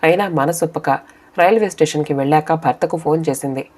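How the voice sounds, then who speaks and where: A woman narrates a scripted short story for an audiobook. Her voice sits low for a woman. She keeps a steady storytelling pace throughout. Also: fairly quick.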